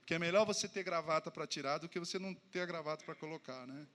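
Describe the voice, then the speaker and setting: A man with a Brazilian Portuguese accent, a pastor preaching to his congregation with animated, self-mocking storytelling and acted-out dialogue. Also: on the high side, fast. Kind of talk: humorous sermon storytelling. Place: church service before a congregation.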